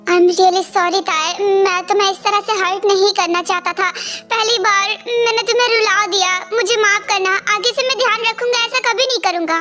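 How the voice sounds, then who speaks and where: A woman's voice: extremely high pitch, fairly even intonation, moderate pace. A woman voicing a hot-tempered young male pop star in an amateur dub, snapping angrily and then apologizing. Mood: remorseful. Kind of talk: amateur dubbing. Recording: soft music behind.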